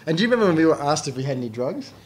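A man's voice: on the high side, big pitch swings, very fast. Chatty man giving commentary. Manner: chatty, laughs often. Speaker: commentary host. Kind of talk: casual audio commentary.

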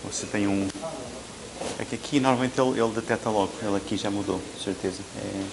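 A man with a European Portuguese accent leaning toward Brazilian delivers a university lecture. His voice sits somewhat low. He talks in halting bursts with restarts and frequent tag questions. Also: steady tone, vocal fry, background noise. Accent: European Portuguese, softened toward Brazilian. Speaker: visiting professor, lecturer. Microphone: microphone at a lecture.

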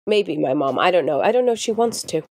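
A woman's voice: on the low side, animated, fast, a little mellow. A middle-aged woman from the UK, a comedian chatting as a podcast guest, telling stories with dry asides. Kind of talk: casual podcast chat.

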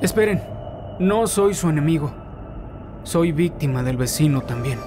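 A man voicing a desperate captive who is losing his mind in an animated horror parody. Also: fairly high pitch, unhurried. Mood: desperate, weary. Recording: loud music behind.

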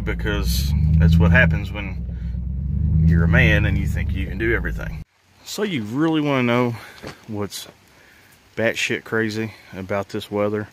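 A middle-aged man with a lowish voice, talking plainly and folksily as he films himself with a handheld phone. He rambles from one thought to the next while walking outdoors and driving his truck. A faint background hiss sits under his voice. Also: rough recording. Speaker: vlogger. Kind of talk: casual walk-and-talk vlog. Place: outdoors on a rural property and inside a truck.

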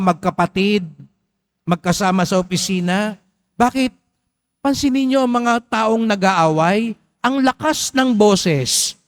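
A Filipino priest giving a sermon in a large church, asking his congregation questions and having them repeat phrases, rising loud on key points and dropping low and soft for emphasis. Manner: engages congregation with questions and call-and-response. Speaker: parish priest.

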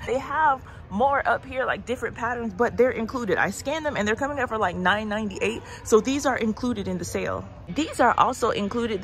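A woman's voice: a little high, fairly bright tone. A woman recorded on her handheld phone as she walks through a large indoor store, chatting casually to viewers. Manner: chatty, walking while talking, addressing viewers directly. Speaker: shopping vlogger. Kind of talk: casual walk-and-talk store tour. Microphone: phone held in hand.

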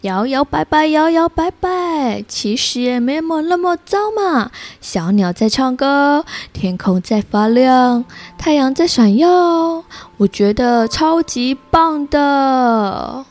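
A woman's voice: sits high, expressive, slow pace, darkish tone. A woman voicing a lonely, whimpering crocodile from a storybook, read to a toddler. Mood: cheered up.

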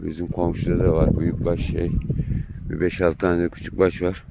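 A man, a shepherd, giving calm running commentary to his viewers while herding his flock on an outdoor pasture, recorded on a handheld phone. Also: low voice, a little fast, creaky. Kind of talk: casual vlog narration while herding. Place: outdoor hillside pasture under overcast sky. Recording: outdoor noise with bleating sheep.

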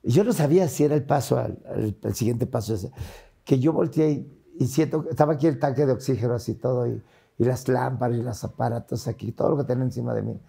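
A man's voice: medium pitch, fast talker, vocal fry, dark tone, breathy edge. An older man with a Mexican accent, a guest in a casual interview, retelling a hard time in an earnest, emotional way.

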